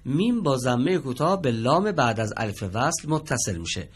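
A man leads a televised Quran reading lesson from a studio with his students. His voice rises and falls a great deal as he explains. He checks their answers patiently and slows right down to spell out each example word. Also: medium pitch, sing-song, husky. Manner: patient, quizzes students, stretches out example words slowly.

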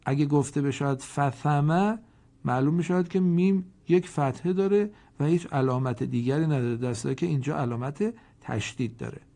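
A man with a gravelly, dark voice delivers a formal recorded lesson. He teaches Quran reading slowly and deliberately, stretching example words and pausing so listeners can answer. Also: fairly high pitch. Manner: slow, deliberate, pausing to let learners answer.

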